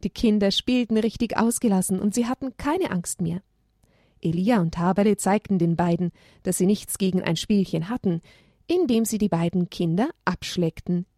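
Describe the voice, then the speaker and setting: A woman narrating a children's story aloud in an expressive read-aloud manner. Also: medium pitch, normal speed, no room sound, clean studio sound.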